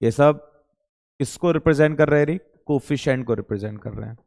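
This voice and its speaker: A man's voice: on the high side, brisk, vocal fry, a little mellow. A man coaching students in maths for an entrance exam, informally asking questions aloud and answering them himself. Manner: informal, addresses students directly. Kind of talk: exam-prep lecture. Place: coaching classroom. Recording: reverberant room.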